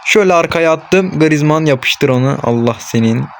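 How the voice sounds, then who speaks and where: A man's voice: fairly high pitch, moderate pace, gravelly, a little hiss or hum. A young man hosting a gaming channel, commentating his own football match as he plays, talking to himself and urging on the players on screen, with frustrated outbursts. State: frustrated and worked up. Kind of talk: live gameplay commentary.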